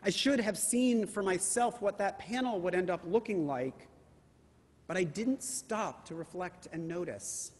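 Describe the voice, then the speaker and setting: A man with a notably high voice delivers a sermon as a rabbi. He speaks in measured phrases and slows down to stress key words. His voice trails off into the long reverb of a large hall. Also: darkish tone, slightly rough.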